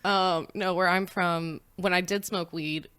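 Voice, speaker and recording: A woman's voice: on the low side, fairly even intonation, a little slow, fairly bright tone, smooth. A woman in her twenties with a Texan accent, chatting candidly as a guest, swearing freely and laughing at herself. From Paris, Texas. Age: 20s. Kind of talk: casual chat.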